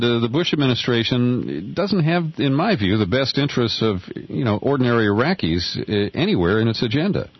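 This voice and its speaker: A man's voice: medium pitch, breathy edge, dry recording. A man hosting a radio talk show, introducing and questioning a guest in a casual, self-deprecating way, recorded on a dull lo-fi studio mic. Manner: casual, self-deprecating about running the board himself. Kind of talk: radio interview.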